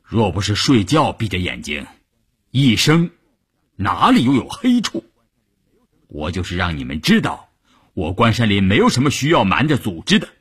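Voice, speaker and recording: A man's voice: on the low side, huge pitch swings, moderate pace, long pauses, a bit bright, slightly rough, exaggerated voice. A man voicing an upright, proud male officer declaring his innocence in a declamatory way. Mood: righteous.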